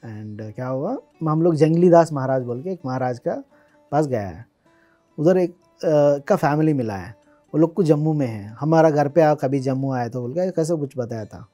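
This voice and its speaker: Male interview guest, mellow tone, chatty anecdotal delivery, light English mixing. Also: fairly high pitch, animated, moderate pace, faint music behind. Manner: chatty, mixes English words, laughs while recalling. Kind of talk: casual personal storytelling.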